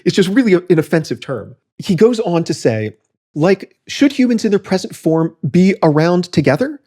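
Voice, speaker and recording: Man, podcast co-host, mellow, slightly high voice, reads quotes and comments, lots of restarts. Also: sing-song, moderate pace. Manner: reads quotes aloud and comments critically, frequent fillers and restarts. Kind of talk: casual podcast discussion.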